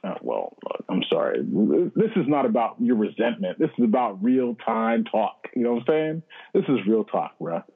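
Casting: husky, lowish male co-host, emphatic, tinny call-in sound. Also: big pitch swings, normal speed. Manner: emphatic, preachy. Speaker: podcast co-host. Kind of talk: casual sports chat. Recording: tinny phone-like line.

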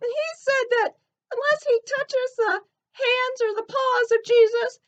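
A woman voicing an earnest young female elephant puppet with a squeaky voice, telling a story eagerly. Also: fairly even intonation, a little slow, fairly bright tone, muffled recording.

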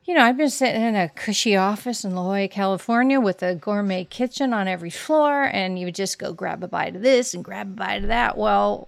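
A woman's voice: medium pitch, vocal fry, no echo. A woman hosting a casual podcast conversation, reflecting aloud and sometimes searching for her words. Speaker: podcast host.

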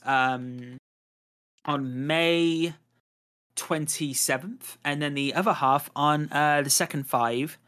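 A man's voice: on the high side, a bit bright. A man hosting a casual podcast chat, rambling with lots of fillers and a habit of saying "to be honest". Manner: chatty, many fillers, "to be honest". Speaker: podcast host.

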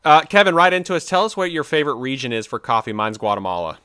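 Man, podcast co-host, bright forceful voice, animated and opinionated. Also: mid-range voice, fast, clean tone, no room sound. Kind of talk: casual chat. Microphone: remote video call.

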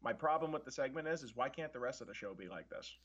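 A man's voice: medium pitch, animated, fast, a bit bright, breathy edge, lo-fi sound. A man co-hosting a casual wrestling review podcast, earnest and analytical, often restarting his sentences as he thinks aloud. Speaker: podcast co-host.

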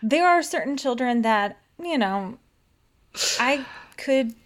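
She has a fairly high, animated voice and a slow pace, co-hosting a casual podcast from the United States. Her talk is chatty and upbeat, punctuated by frequent laughter.

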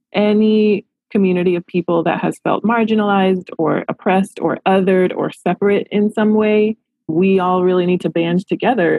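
Woman, 30s, therapist, reflective, husky, gravelly, dry close sound. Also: lowish voice, a little mellow, dry recording, low-quality recording. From Los Angeles. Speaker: therapist and practice owner. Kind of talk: podcast interview answers.

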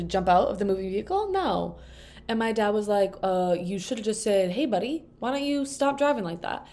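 A young podcast host in her twenties speaks in a mellow, mid-range voice, rambling casually on her solo show with plenty of fillers. She's congested from allergies and recorded indoors on a microphone propped on a table.

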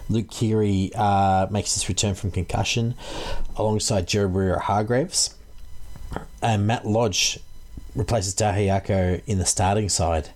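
A man's voice: lowish voice, fairly even intonation, takes it slowly, a little mellow. A man co-hosting a casual fantasy sports podcast, giving his analysis in a conversational, tentative way. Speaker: podcast co-host.

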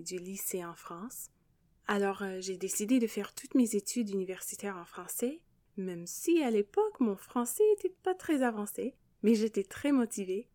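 Soft-spoken English-Canadian woman, dry sound. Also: mid-range voice, dry recording. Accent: English-speaking Canadian. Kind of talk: devotional podcast talk.

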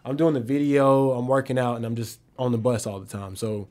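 A man guesting on a podcast, talking about his videography work in a relaxed way and acting out what people said to him. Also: mid-range voice, fairly quick. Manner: relaxed, acts out quoted dialogue. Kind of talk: casual podcast chat.

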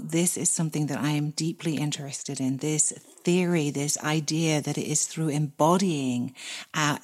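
A woman hosting a podcast, talking in an effusive, slow and emphatic way. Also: low-pitched. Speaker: podcast host. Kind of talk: casual spiritual podcast chat.

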